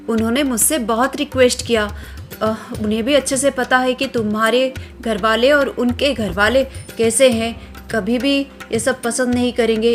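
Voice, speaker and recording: A woman's voice: a little high, lightly acted. A woman voicing an anxious young sister-in-law who frets in alarmed exclamations.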